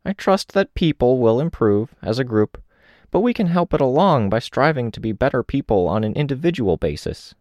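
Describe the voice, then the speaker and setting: A man's voice: medium pitch, big pitch swings, moderate pace, darkish tone, no echo, pitched above the performer's own voice, lightly acted. A man voicing an earnest, chatty old woman on a train who rambles and confides.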